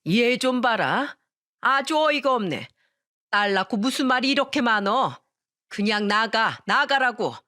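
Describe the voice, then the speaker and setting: A woman's voice: on the high side, animated, unhurried, fairly bright tone, dry recording, clean studio sound. A woman voicing a harsh, bossy older mother-in-law who scolds with scorn. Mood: scornful.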